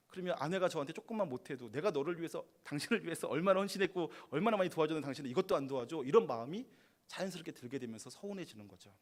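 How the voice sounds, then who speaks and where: Korean pastor preaching with animated quotes. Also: male voice. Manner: acts out quoted dialogue, rising to emphatic high bursts. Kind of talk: sermon. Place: church sanctuary.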